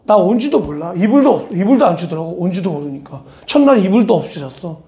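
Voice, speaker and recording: A male pastor gives a lively, conversational sermon at a church service, addressing his listeners directly and shifting between polite speech and blunt, casual remarks. His voice sits high and he talks fast.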